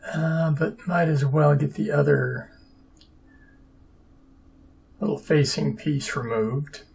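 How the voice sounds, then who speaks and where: A man's voice: on the high side, steady tone, measured pace, creaky, a little mellow, husky. A man narrating his own papercraft build in a casual, dry, sarcastic and self-deprecating way. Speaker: papercraft hobbyist.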